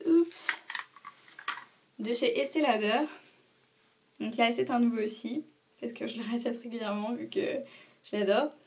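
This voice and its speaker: A woman's voice: on the high side, moderate pace, pauses often, far from the mic, noisy background. A young woman vlogger reviewing her favourite beauty products in casual, hesitant talk full of fillers and restarts.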